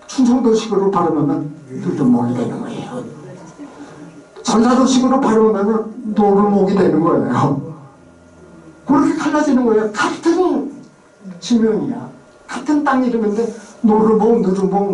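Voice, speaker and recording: With a voice that sits high and sounds a little mellow, a man delivers a casual, chatty lecture on place names, often imitating how regions pronounce them. The recording has a little hiss or hum, an echoey room, and a far-off mic.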